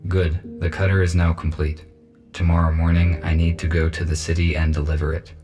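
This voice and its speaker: An emotionless male robot, voiced by a man for a game, speaking in a low, level robot voice with no rise or fall. He sounds detached and strictly logical. Soft piano plays clearly behind him. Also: little pitch movement, fairly quick, close to an everyday voice. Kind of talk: video game voice acting. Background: soft piano music.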